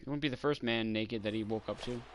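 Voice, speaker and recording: A man's voice: lowish voice, brisk. A man chatting casually with a friend while playing a video game, recorded on a noisy mic with clicks. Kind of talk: casual banter over gameplay.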